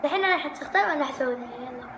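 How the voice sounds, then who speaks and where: A woman's voice: sits high, expressive, rapid-fire. A woman chatting casually as host of a challenge vlog while eating sour candy. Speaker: video host. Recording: echoey room with clear background noise.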